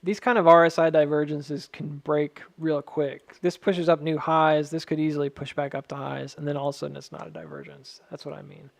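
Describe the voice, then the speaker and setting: A man with a whistle on his s sounds gives casual, technical chart commentary, thinking aloud in a measured, cautious way. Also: fairly high pitch, flat delivery, gravelly. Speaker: stock chart analyst addressing viewers.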